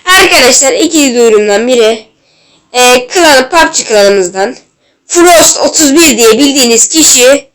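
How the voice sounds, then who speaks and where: A woman with a high, bright voice commentates her own gameplay. She is excitable and bursts into yells at the referee and the keeper. She sounds a little ill. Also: a little slow. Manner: excitable, shouts at the game and referee. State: slightly ill. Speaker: gaming channel host.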